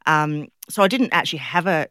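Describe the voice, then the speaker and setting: Brief: Australian woman, middle-aged, bright forward voice, chatty and animated interviewee, close dry sound. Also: low-pitched, fairly quick, dry recording. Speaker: interview guest, public speaker and former competitive swimmer. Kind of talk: casual conversational interview, storytelling.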